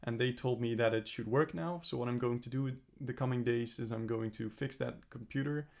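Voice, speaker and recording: With a gravelly, slightly mellow mid-range voice, a young vlogger talks fairly quickly about what he plans to do. It's a casual, earnest self-reflection full of rambling and self-correction.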